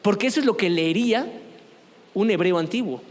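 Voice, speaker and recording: A man's voice: high-pitched, animated, a little fast, big-room sound. A man teaching a church youth group, speaking conversationally and often asking the group questions. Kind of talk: church youth lesson on apologetics. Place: church meeting room.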